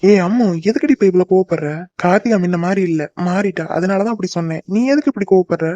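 A man's voice: high voice, quick pace, warm tone, no room sound, muffled recording, close to an everyday voice. A young man voicing a teasing, devoted boyfriend in a cartoon, coaxing and joking. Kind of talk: cartoon voice acting.

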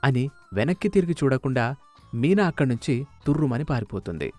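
A man narrating an animated moral story in a steady, matter-of-fact way. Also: mid-range voice, fairly quick, faint music behind.

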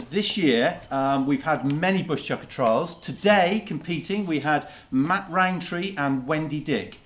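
A man putting on a lively Geordie TV host. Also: fairly high pitch, a little hiss or hum. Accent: Geordie (Newcastle). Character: indignant Geordie TV jungle show host, parodied. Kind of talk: parody TV presenting.

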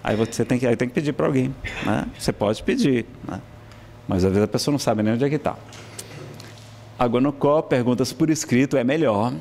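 A man with a Brazilian Portuguese accent lectures a room on public speaking, relaxed and conversational, restarting phrases and checking in with the audience. His voice sits at a mid pitch. Faint background noise carries through the lecture hall. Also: brisk, creaky. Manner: conversational, frequent tag questions and self-corrections. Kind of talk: classroom lecture.

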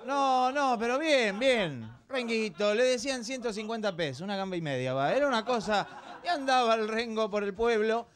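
A man with an Argentine accent telling jokes on a TV show, acting out characters in squeaky voices. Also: moderate pace, hardly any pauses. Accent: Argentine Rioplatense. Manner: animated, acts out characters in high squeaky voices. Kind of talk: stand-up joke telling on TV. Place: TV studio.

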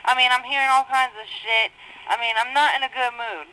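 Fairly quick and forceful, a woman in jail keeps a steady tone in her bright, high-pitched voice while profanely arguing with her mother over her court case, talking right over her. The jail phone recording is low quality, with slight hiss or hum.

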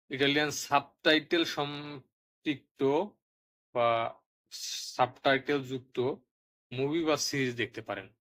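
A man teaching Italian vocabulary, saying each word twice, loudly and deliberately, so listeners can repeat after him. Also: mid-range voice. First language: Bengali.

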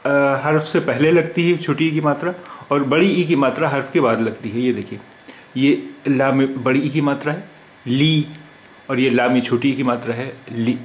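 A man's voice: medium pitch, steady tone, moderate pace, echoey room, slight background noise, poor audio. A man teaching a language lesson, patiently spelling out letters and repeating their sounds. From India. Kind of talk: slow spoken lesson.

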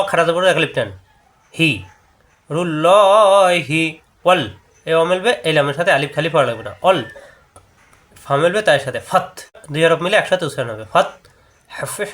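Man, high-pitched, Bangladeshi Bengali accent, tajweed teacher, step-by-step explanation, slow chanted verses. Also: a bit bright. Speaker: Quran recitation teacher. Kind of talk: tajweed lesson with chanted recitation.

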